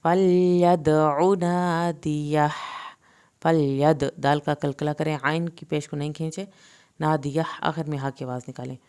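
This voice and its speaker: A woman with a Pakistani Urdu accent teaching Quran recitation rules, reciting each word slowly and then explaining it quickly. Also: sits low, gravelly, a little mellow. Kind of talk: tajweed lesson.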